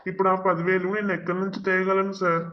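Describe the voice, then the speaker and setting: A man's voice: high voice, flat delivery, racing, muffled recording, a little hiss or hum, lightly acted. An actor voicing a poor young village husband pleading and arguing for his sick wife in a cartoon drama. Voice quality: pleading, emotional.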